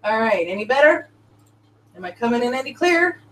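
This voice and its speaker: A woman's voice: on the high side, big pitch swings, fairly quick, roomy sound, far from the mic. A woman co-hosting a casual livestream chat, her mic crackling and distorted. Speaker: livestream co-host.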